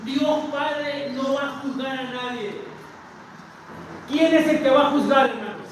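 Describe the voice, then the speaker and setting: A man with a Mexican Spanish accent preaching a sermon as pastor, swinging between loud declarations and hushed asides, often calling out to his congregation. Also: very high-pitched, unhurried. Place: large church sanctuary with a balcony. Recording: very echoey church from far off, noisy.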